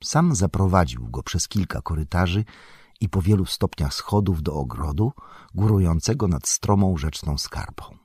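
A man narrating a fantasy audiobook in a measured, expressive storytelling manner. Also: low-pitched, slightly rough, no room sound, clean studio sound.

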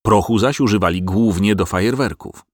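A man narrating an audiobook in an expressive storytelling manner. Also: on the low side, moderate pace, dry recording, studio quality.

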